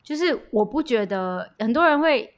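A woman talks as a guest and recounts events in an easy, chatty way. Her voice sits a little high. She pauses on fillers and drops English words into her speech. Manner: animated retelling with hesitant fillers and mixed-in English words. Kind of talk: casual storytelling chat.

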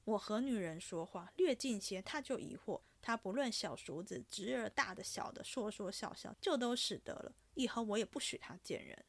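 A woman's voice: medium pitch, animated, moderate pace, few pauses, no echo. Woman doing a wheedling young nobleman. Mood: grumbling. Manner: coaxing, wheedling, then blustering.

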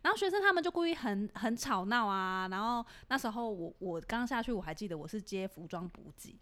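A woman's voice: mid-range voice, brisk. A young woman from Taiwan co-hosting a casual podcast, telling a story with laughter and acting out the people in it. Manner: animated, laughing, acts out quotes loudly. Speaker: podcast co-host.

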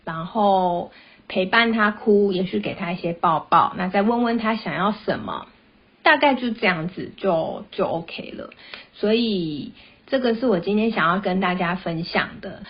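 A mother hosts a parenting podcast, chatting gently and sharing stories about her kids. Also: medium pitch, a little slow, husky. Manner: gentle, chatty, tells personal anecdotes. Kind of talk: casual podcast monologue. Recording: dull, slightly lo-fi sound.

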